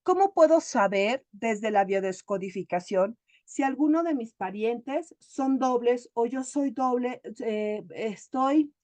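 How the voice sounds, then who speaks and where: A woman's voice: fairly high pitch, takes it slowly, hardly any pauses, no echo. A woman who works as a therapist, giving a chatty talk full of stories. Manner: chatty, animated storyteller. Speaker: emotional therapist and speaker. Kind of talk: storytelling talk.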